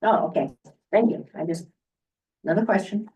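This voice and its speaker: A woman at a public board meeting who asks questions in a hesitant, halting way. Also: mid-range voice, mellow. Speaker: board member. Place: meeting room. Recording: distant meeting-room mic.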